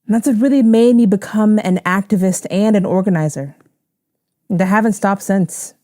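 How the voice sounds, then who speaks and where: A woman in her twenties from San Diego, an activist telling her story in an earnest, measured way. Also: mid-range voice, warm tone, dry recording, clean studio sound. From San Diego, USA. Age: 20s. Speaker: youth activist. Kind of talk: personal testimony interview.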